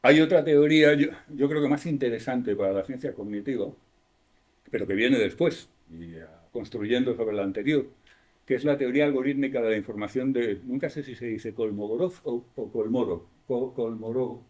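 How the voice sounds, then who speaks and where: A man's voice: mid-range voice, brisk, a little mellow. A man with a Spanish accent giving a university lecture in a classroom, explaining step by step, asking the class questions and correcting himself as he goes.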